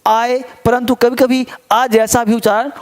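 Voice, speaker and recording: A man's voice: very high-pitched, level tone. A man teaching an English lesson, repeating words over and over and asking questions that he answers himself. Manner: asks quick questions and answers them himself.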